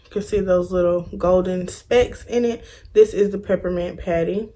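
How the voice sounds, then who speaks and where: A woman's voice: fairly low pitch, fairly even intonation, normal speed, warm tone. Chatty woman talking through braces. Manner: speaks with braces, stumbles on long words; sassy, informal girlfriend-to-girlfriend address. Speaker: vlogger reviewing soaps. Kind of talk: casual chatty product review.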